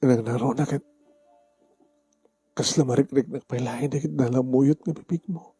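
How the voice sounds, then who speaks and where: A man's voice: mid-range voice, fairly even intonation, normal speed, dark tone, breathy edge, dry recording. A man acting an emotional, pleading part in a radio-style comedy drama, with a dry close studio sound and faint music behind.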